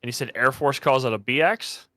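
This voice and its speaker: A man's voice: medium pitch, fairly quick, pushed and bright, no room sound. A man co-hosting a podcast in casual chat, teasing and blunt, swearing freely. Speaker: podcast co-host.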